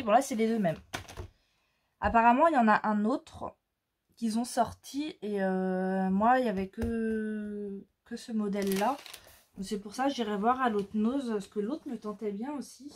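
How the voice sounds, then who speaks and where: A woman chatting casually as she shows off her crafting haul, pausing often and searching for words. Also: mid-range voice, darkish tone, slight background noise. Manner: slow, hesitant, many fillers. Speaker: crafting vlogger. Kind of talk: casual haul show-and-tell.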